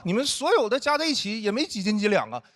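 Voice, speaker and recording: A man's voice: sits high, sing-song, quick pace, fairly bright tone. A man doing stand-up on stage, telling stories and acting out his friends' teasing. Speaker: stand-up comedian and head writer. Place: stage before a live audience. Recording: stage mic with audience laughter and noise.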